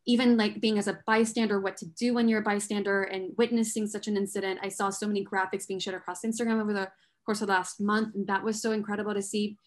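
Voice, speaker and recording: A woman speaks on a panel discussion with an earnest, reflective tone. She tells a personal story at a mid pitch for a woman, often pausing with fillers and restarting her sentences. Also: little pitch movement. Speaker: panel guest. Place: New York.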